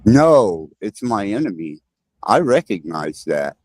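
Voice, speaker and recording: Slow, insistent man, low voice. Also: sing-song, darkish tone, no room sound. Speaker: guest describing his AI companion. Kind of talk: earnest podcast discussion.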